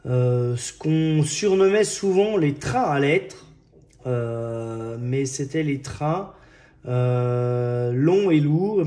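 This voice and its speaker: A man's voice: on the high side, dark tone. A man casually presenting model kit issues, hesitant and chatty, with frequent fillers and restarts. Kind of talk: casual hobby video narration.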